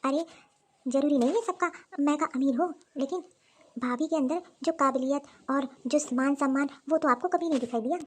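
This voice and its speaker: A firm, outspoken adult daughter from a cartoon story, voiced by a woman. She speaks frankly in a high voice, reproaching without holding back. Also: normal speed, lightly acted. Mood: reproachful.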